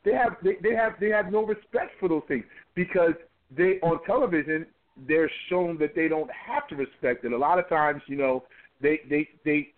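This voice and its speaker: Emphatic pastor in his forties, phone-line sound. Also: on the high side. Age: 40s. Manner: emphatic, repeats words while building a point. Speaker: pastor and interview guest. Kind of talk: conversational interview. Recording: tinny phone-line audio.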